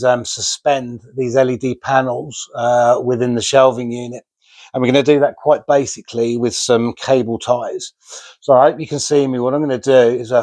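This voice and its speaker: A DIY vlogger chats his way through a build, mellow and medium-pitched, poking fun at himself while his hands stay busy. It's casual how-to narration caught on a remote mic with a dry sound.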